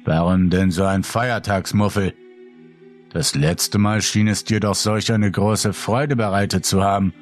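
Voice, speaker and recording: A man voicing a cruel male intruder who taunts his captives in a slow, sneering way, with a husky voice. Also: low-pitched, steady tone, faint music behind. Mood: mocking.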